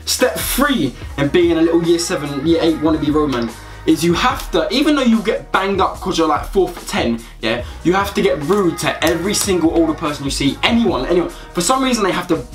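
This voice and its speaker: A man's voice: fairly high pitch, brisk. Young London-area man ranting over music. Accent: London or south-east English. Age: young adult. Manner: animated slangy ranting, emphatic repetition. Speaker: comedy video presenter. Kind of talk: casual comedic commentary to camera. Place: small bedroom indoors.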